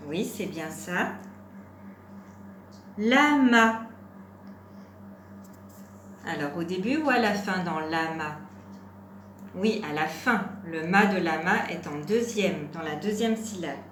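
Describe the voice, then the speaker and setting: Woman teacher for a small children's phonics lesson: slow and patient, stretches words, echoey room with faint noise. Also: lowish voice, fairly bright tone. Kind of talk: home-school phonics lesson for young children.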